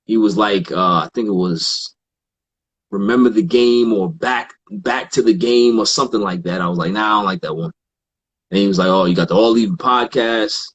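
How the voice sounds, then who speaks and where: Relaxed husky man telling stories. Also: on the low side, normal speed. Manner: relaxed, quotes others in animated asides, frequent fillers. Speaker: podcast guest. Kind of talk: casual storytelling in conversation.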